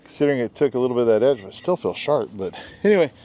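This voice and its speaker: With lively intonation and a rapid-fire delivery, a dark-toned, medium-pitched middle-aged man reviews a knife outdoors in his backyard despite a head cold. It's a chatty, jokey product demo, heavy on "guys" and "bam."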